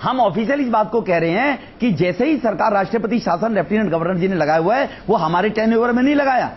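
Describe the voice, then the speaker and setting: Combative high-pitched man, lo-fi broadcast. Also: animated, fast talker, husky. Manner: combative, interrupts, repeats himself. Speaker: state party general secretary, debate panelist. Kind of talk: heated TV debate. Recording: dull lo-fi broadcast audio.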